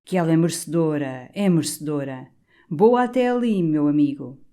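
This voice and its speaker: A woman voicing a portly, jovial older male canon, talking in an animated, confiding, doting way. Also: a little high, moderate pace, close to an everyday voice.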